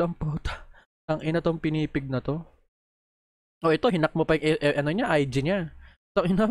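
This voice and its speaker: A man reacting on video in a heated, profane, scolding rant, talking straight into a close microphone. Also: on the high side. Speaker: video creator reacting to posts.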